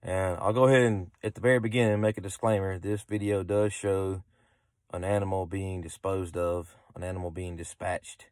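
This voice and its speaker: A man's voice: low-pitched, fairly even intonation, moderate pace, a little mellow, dry recording. A man, casually explaining a story to his phone camera from a parked car at night. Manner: easygoing, rambling with restarts. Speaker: vlogger. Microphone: phone camera held close.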